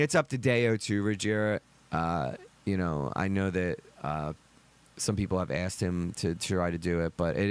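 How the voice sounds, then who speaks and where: Male streamer, Northeast US accent, deep and hoarse from a cold, casual. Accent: American Northeast. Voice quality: deep, gravelly. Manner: chatty, greets chat viewers by name. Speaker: livestream host. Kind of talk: casual livestream commentary.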